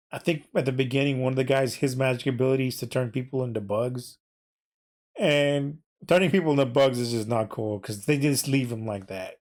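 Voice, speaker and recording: A man hosting a casual solo podcast, rambling with many fillers and self-corrections while he is losing his voice. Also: medium pitch. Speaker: podcast host and VTuber.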